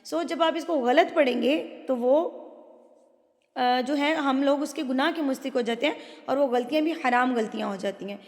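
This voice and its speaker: A woman with a high voice teaches Quran recitation in a patient, step-by-step way, slipping English words into her explanations. Her voice carries a long reverb, as if she is recording in a hall. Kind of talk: tajweed lesson, explaining pronunciation.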